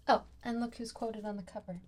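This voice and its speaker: A woman's voice: fairly high pitch, slight background noise. Upbeat young woman book vlogger. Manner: upbeat, giggly, playful. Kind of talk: scripted vlog talk to camera.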